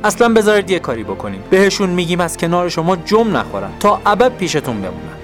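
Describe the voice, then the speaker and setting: A man's voice: high voice, very animated, faint music behind, voice pushed up. A man playing Despair, a coaxing general. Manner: coaxing, falsely caring persuasion. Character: Despair, scheming male general, false friendly.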